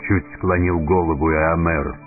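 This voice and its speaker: A man narrating an audiobook fairy tale in a measured storytelling manner. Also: deep voice, fairly even intonation. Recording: tinny narrow-band recording, faint music.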